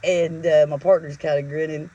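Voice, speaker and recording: Animated, cussing woman telling a story. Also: sits low, moderate pace, lo-fi sound. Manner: profane, laughing, animated retelling. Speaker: vlogger. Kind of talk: casual storytelling.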